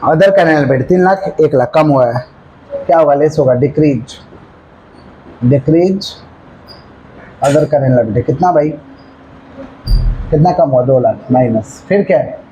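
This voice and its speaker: A male commerce teacher giving a classroom lecture, asking the class again and again if they follow, and slowing right down to dictate. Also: a little high, warm tone, muffled recording, a little hiss or hum. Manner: repeatedly checks understanding with questions; dictates slowly, then rattles off explanations.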